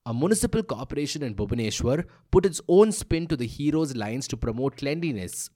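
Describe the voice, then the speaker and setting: A man hosting a daily news podcast, reading a script in a brisk, conversational, lightly playful way. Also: medium pitch, lively intonation, mellow. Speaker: podcast host.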